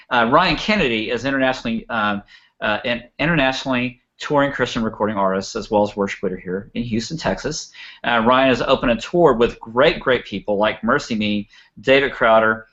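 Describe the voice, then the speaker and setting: A man hosting a live web show, talking fast and enthusiastically in a radio-announcer manner. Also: medium pitch, fairly bright tone, dull audio. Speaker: show host.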